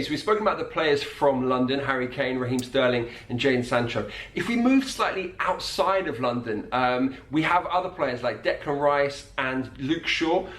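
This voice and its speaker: A man coaching on accents, explaining sound by sound in a calm, methodical way. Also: mid-range voice, reverberant.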